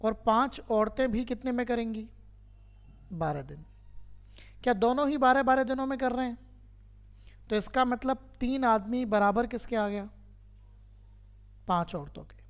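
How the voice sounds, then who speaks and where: A man's voice: very high voice, a little slow, pauses often, smooth. A man teaching a math lesson to a class, who keeps quizzing his students and patiently repeats each step.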